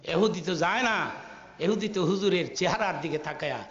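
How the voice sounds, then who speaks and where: A man's voice: high voice, normal speed, fairly bright tone. A man preaching a Bengali sermon, acting out the quoted figures, sometimes singing Arabic phrases, and calling on the crowd to respond. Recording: lo-fi echoey recording of a sermon.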